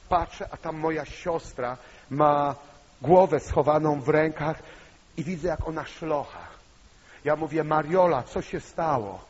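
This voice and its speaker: A male preacher tells a personal story to his congregation, his somewhat high, husky voice climbing to fervent, loud peaks. The sound is muffled and dull. Long reverb from the church hall trails behind every phrase. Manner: emotional storytelling, rising to loud impassioned peaks. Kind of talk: sermon with personal testimony.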